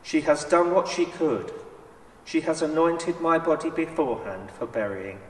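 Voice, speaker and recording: A man playing Jesus as a solemn, measured, authoritative teacher in a dramatised church scripture reading. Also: on the high side, animated, a little hiss or hum, natural voice. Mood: reproving. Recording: echoey church hall, far from mic.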